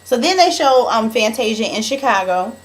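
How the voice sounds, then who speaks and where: A woman's voice: fairly high pitch, lively intonation, moderate pace. A young woman recapping a reality show in a chatty, dramatic gossip style, calling her viewers honey.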